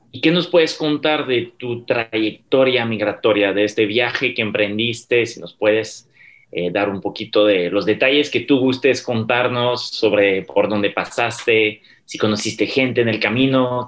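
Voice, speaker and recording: A man's voice: lowish voice, measured pace, a bit bright, a little hiss or hum. Polite man hosting a podcast. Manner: polite, questions with fillers. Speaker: podcast host, university professor. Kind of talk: friendly interview questions.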